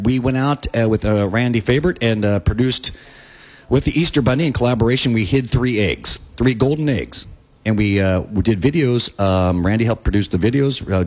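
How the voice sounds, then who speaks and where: An older man hosting a morning radio show, chatting casually with plenty of fillers and restarts. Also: on the low side. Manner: rambling, hesitant, many fillers. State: not feeling well. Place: radio studio.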